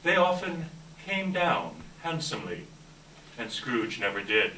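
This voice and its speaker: A man reads a story aloud in a live event with a bright, forceful voice. The room echoes around him and he sits away from the mic, with faint noise underneath. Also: medium pitch, sing-song, unhurried, far from the mic. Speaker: event presenter and story reader. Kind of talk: welcome remarks and dramatic live story reading. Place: library event room before an audience.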